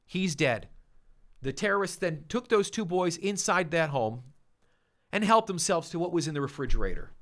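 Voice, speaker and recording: A man's voice: a little high, expressive, moderate pace. A man hosting his own opinion show, delivering emphatic, indignant commentary with punchy repetition. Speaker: show host.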